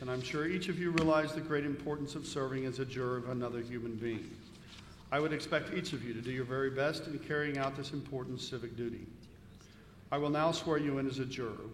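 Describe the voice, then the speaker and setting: Man presiding as judge in an echoey hall. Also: mid-range voice. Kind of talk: formal scripted jury instructions. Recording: echoey reverberant hall with faint noise.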